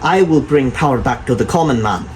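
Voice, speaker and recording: A man playing a loud, boastful nationalist politician in a comedy sketch. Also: mid-range voice, expressive, brisk, slight background noise, close to an everyday voice, rough recording. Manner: bombastic, boastful, shouting.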